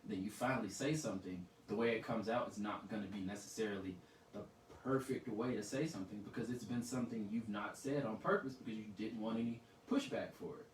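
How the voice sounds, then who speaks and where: A man making his case with insistent emphasis, breaking into quick voiced impressions of other people. He sounds set back from the microphone in a room with a lot of echo. A faint hiss runs underneath. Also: lowish voice. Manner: emphatic, argumentative, animated quoting of others. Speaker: podcast co-host. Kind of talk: heated casual discussion. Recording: echoey room, far from mic, faint noise.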